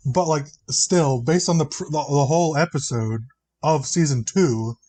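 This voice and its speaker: A man's voice: on the high side, moderate pace, dark tone. A man co-hosting a casual podcast chat, laid-back and agreeable, often chuckling along. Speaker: podcast co-host.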